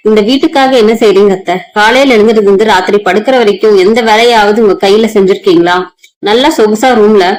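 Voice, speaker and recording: A woman's voice: medium pitch, lightly acted. A woman voicing an overworked young daughter-in-law who talks back defiantly and passionately in a storybook retelling. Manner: defiant, impassioned.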